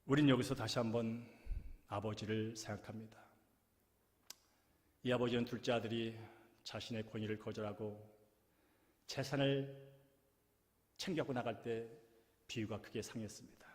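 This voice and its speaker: A male pastor preaching a sermon in a church sanctuary, telling the story dramatically and moving between loud and hushed passages. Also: on the low side, steady tone, normal speed, pauses often, big-room sound.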